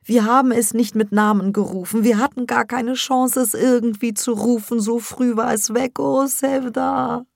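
A woman reading an audiobook, voicing a distraught middle-aged mother who pleads in a high, strained voice. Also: measured pace, no room sound, clean studio sound. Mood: tearful.

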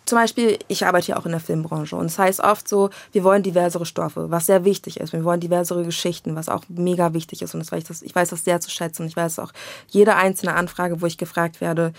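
A woman's voice: lowish voice, fast, creaky, dry recording. A young woman from Berlin with a Berlin German accent, talking candidly and reflectively as an interview guest. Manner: candid, reflective, slangy, quotes others in lively voices. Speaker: children's book and screenwriter, interview guest. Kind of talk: casual conversational interview.

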